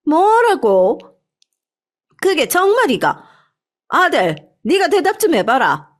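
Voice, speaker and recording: A woman voicing a bossy older mother-in-law who speaks with a Gyeongsang accent and talks loudly and whinily. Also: on the high side, very animated, unhurried. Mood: shocked. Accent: Gyeongsang dialect. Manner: bossy, loud and whiny.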